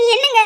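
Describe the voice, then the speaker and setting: A tearful young wife with a Tirunelveli accent, played by a woman. Her voice sits very high and breaks into sobs as she hesitates over her words. This is a family drama for a web series. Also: exaggerated voice. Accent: Tirunelveli Tamil.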